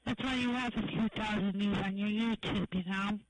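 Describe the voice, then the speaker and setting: A woman's voice: medium pitch, fairly even intonation, moderate pace, a little hiss or hum, rough recording. A woman calling in to a show to scold the host in a confrontational way. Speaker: caller.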